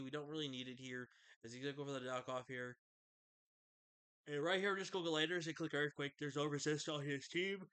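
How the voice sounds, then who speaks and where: A man's voice: mid-range voice, bright, forceful tone, clean tone. A man giving casual commentary over his own online game match, sleepy and yawning late at night, talking in a loose, chatty way with fillers and self-corrections.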